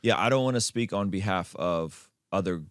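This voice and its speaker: Deep-voiced emphatic male podcast host. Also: brisk, no echo, studio quality. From Azerbaijan. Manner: emphatic, jumps up in pitch to stress points. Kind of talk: conversational podcast interview.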